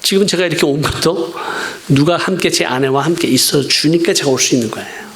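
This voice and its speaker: Man, middle-aged, missionary preacher, high voice, earnest, repeats for emphasis. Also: brisk, fairly bright tone. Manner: earnest preaching that swings from pleading to emphatic repetition. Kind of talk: sermon.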